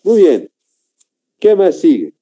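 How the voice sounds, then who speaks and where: A man teaching a grammar class, speaking slowly and repetitively, often tagging sentences with a questioning "no?" and addressing the students as gentlemen. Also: a little high, huge pitch swings. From Bolivia. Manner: slow, repetitive, keeps asking "¿no?" and addressing "señores". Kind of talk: classroom lecture. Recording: dull lo-fi recording.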